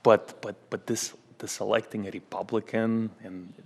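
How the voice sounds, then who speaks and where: A man playing a smug male union boss with a Russian accent, speaking halting, broken English with many repetitions in a comedy sketch. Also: fairly low pitch, little pitch movement. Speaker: union spokesman. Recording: long hall reverb.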